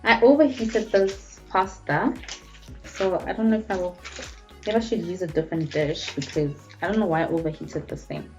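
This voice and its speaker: A woman's voice: fairly low pitch, moderate pace, darkish tone, soft background music. A South African woman chatting casually to camera at home at night during a mukbang, calling her viewers pet names. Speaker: YouTuber.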